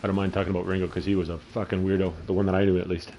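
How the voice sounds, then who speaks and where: Man, very low voice, crude rambling gameplay commentator. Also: level tone, rapid-fire, warm tone, muffled recording, slight background noise. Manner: crude, profane, rambling storyteller. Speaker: gaming channel host.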